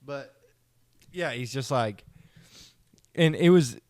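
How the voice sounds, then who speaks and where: A young man co-hosting a podcast, talking in an animated way, swearing often and cutting in. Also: medium pitch, takes it slowly, dry recording, clean studio sound. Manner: animated, swears a lot, jumps in. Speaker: podcast co-host. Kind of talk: casual chat.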